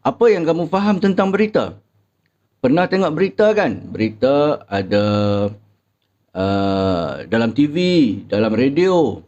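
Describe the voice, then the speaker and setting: A young Malaysian man gives a reading lesson to his pupils in a slightly high voice. He talks slowly and deliberately and fills pauses with short sounds. The recording is dull and lo-fi. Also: animated, darkish tone. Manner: slow and deliberate, with frequent filler sounds. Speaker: teacher.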